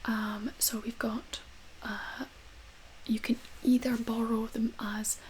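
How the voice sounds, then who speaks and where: A woman doing a whispered role-play as a librarian, speaking gently and hesitantly in a soft, breathy whisper. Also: fairly high pitch, level tone, slow pace, a little hiss or hum, rough recording. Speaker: ASMR creator playing a librarian recommending books.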